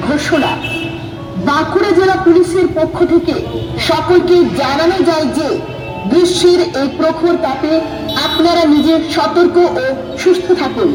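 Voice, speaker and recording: A very high-pitched voice reads a slow, formal police safety notice through a megaphone loudspeaker. It carries from a distance with a roomy echo, and music plays along underneath. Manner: slow, measured, declaiming. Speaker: police public announcer. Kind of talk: formal public service announcement.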